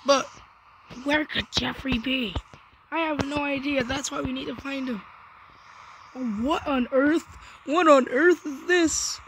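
A woman's voice: high voice, slow pace, long pauses, a bit bright, slight background noise, poor audio. A woman hosting a gaming video, giving let's play commentary and yelping in panic during fights. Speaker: gaming channel host.

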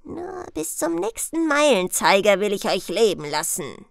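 A woman voicing Death, a bored and menacing male skeleton, with a slow, low, yawning drawl in a storybook reading. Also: very animated, gravelly, no echo, studio quality.

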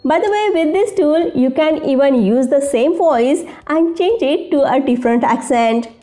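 A woman hosts a step-by-step software tutorial and is openly delighted by the results. Her voice sits high, with faint music playing behind her narration. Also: expressive, moderate pace. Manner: enthusiastic, easily amazed. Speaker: tutorial host. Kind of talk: screen-recording tutorial narration.

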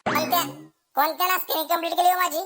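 A woman's voice: very high voice, fairly even intonation, very fast, a bit bright, soft background music, voice pushed up. A woman voicing a rowdy village schoolboy, boasting and making threats. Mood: cocky. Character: rowdy schoolboy, class troublemaker.

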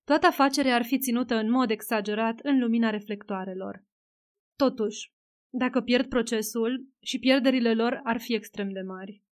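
Weary calm politician guy, quiet and careful, slightly high voice, read by a woman. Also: close to an everyday voice. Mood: grave. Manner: quiet, measured.

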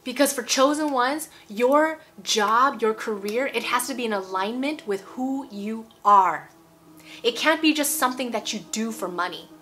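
A preacher in her forties delivers a casual, emphatic sermon to camera from a room in her home, repeating phrases and checking in with "okay?". Her voice is on the high side and a bit bright, at a measured pace.

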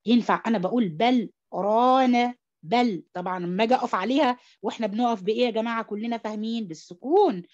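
A woman's voice: fairly high pitch, racing, a little mellow, highs cut off. A woman with an Egyptian Arabic accent teaching tajweed in an online class, mixing English and Arabic and coaxing students with questions. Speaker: Quran recitation teacher. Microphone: computer mic on an online call.

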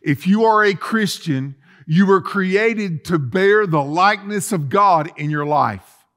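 Speaking slowly in a high, slightly bright voice, a middle-aged man preaches as pastor. The sermon is emphatic, packed with rhetorical questions and repetition, and recorded in a church sanctuary with empty chairs.

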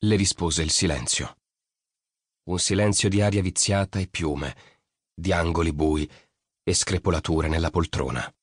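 A man narrating an audiobook in an expressive storytelling reading. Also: low voice, measured pace, pauses often, breathy edge, dry recording, studio quality. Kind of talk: scripted narration.

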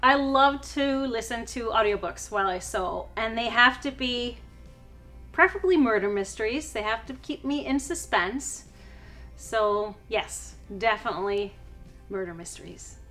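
Cheerful woman from Iceland, slightly high voice. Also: lively intonation, a little slow, sharp tone, soft background music. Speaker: quilt designer. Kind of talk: casual interview answers. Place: studio with quilt backdrop.

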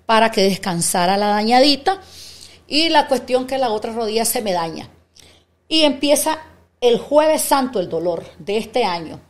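A woman in her fifties, a businesswoman guest on a podcast, chatting casually and telling animated stories with acted-out dialogue. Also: fairly high pitch, moderate pace. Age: 50s. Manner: animated storytelling, acts out quoted dialogue. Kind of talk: casual interview chat.

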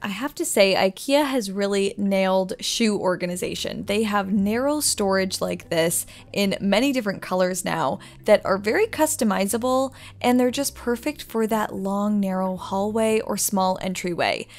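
Speaking at a moderate pace with hardly any pauses, a young woman interior designer with a mid-range voice gives shopping voice-over narration. She talks up home decor finds with upbeat enthusiasm.

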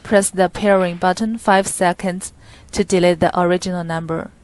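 Woman reading a product demo, low-pitched. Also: moderate pace. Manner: plain, steady reading with small grammar slips. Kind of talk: scripted instructional voice-over.

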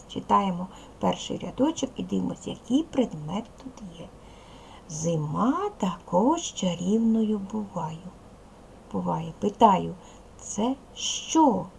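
A woman's voice: mid-range voice, very animated, a little slow, vocal fry, darkish tone, a little hiss or hum, poor audio. A woman with a Ukrainian accent teaching young children in a recorded video lesson, patient and speaking to them directly. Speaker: primary school teacher.

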